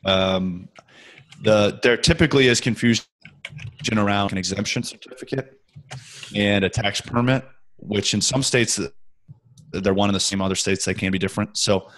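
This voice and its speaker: A man answering questions as a guest expert over a remote conference call line that keeps breaking up, explaining steadily with frequent pauses and "um"s. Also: on the low side, a bit bright. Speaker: sales tax software guest expert.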